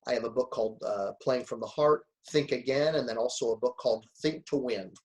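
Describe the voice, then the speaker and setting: A man around sixty, a speaker and author, talks through his ideas in an unhurried interview. His voice sits in a plain middle register. He leans into stories and laughs softly along the way. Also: medium pitch. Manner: reflective, storytelling, chuckles often. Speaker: guest, motivational speaker and author. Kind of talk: relaxed conversational interview.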